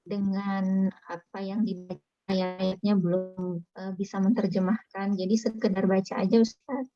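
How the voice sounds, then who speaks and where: A woman's voice: medium pitch, level tone, measured pace, dull audio, faint music behind. A woman taking part in an online class, answering the teacher's questions in short, hesitant replies. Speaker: webinar participant. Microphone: video call.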